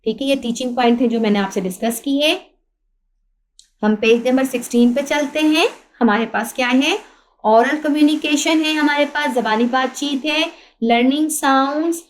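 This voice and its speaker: High-voiced Pakistani woman teaching a lesson. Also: normal speed, a little hiss or hum. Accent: Pakistani Urdu. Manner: spells out words letter by letter, asks and answers her own questions. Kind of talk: lesson explaining a textbook.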